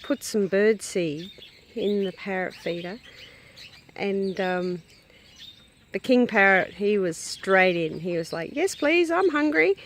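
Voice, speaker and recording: Woman, casual farm vlogger, even mid-range voice, chatty with her animals, outdoors with faint birdsong behind. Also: slow, pauses often, a little hiss or hum. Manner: chatty, fond, calls to animals in a high sing-song. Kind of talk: casual walk-around narration. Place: outdoors on a rural property.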